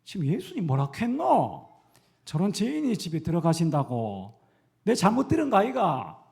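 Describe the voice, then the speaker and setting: A scandalized, gossiping townsman, as a preacher puts him on, griping loudly in thick Gyeongsang dialect. The voice is pitched up, with a dark, mellow tone and lively swings in pitch. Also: moderate pace, creaky, exaggerated voice. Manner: loud, exclaiming dialect lines. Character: grumbling townsman, male adult, scandalized gossip.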